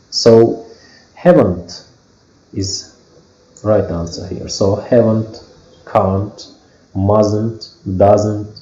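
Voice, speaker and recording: Man, English teacher, Uzbek accent, very slow, dark tone, hesitant with fillers, echoey room, dull lo-fi recording. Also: on the low side. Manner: hesitant, many fillers and restarts. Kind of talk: slow explanatory lesson.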